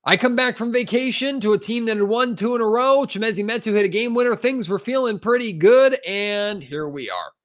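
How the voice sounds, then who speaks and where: Man, sports podcast host, congested with a cold, fairly high pitch, emphatic, frustrated. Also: expressive, a little fast, few pauses, a bit bright. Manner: emphatic, frustrated, talks with many fillers. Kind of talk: casual sports podcast commentary.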